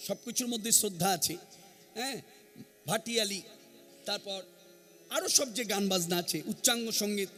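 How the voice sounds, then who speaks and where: High-voiced, lively man preaching. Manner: earnest, emphatic, repeats key phrases. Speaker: kirtan singer and preacher. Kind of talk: devotional sermon at a gathering. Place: standing before an assembly.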